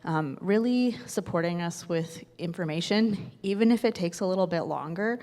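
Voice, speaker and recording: A woman's voice: on the low side, normal speed, mellow. A woman city councillor speaking earnestly on a conference panel, addressing the audience directly. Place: conference hall. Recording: reverberant conference hall.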